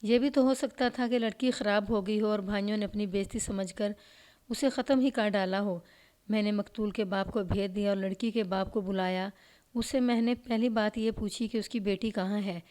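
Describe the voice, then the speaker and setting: Steady woman storyteller reading a crime story aloud in a measured, even cadence. She keeps a mid-pitched voice and an unhurried pace throughout. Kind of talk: scripted story narration.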